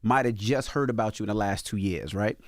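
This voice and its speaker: A man's voice: fairly low pitch, a little fast, no room sound, studio quality. A man hosting a casual interview, asking questions in informal, slangy language. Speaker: interviewer, show host. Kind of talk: casual, street-wise interview chat.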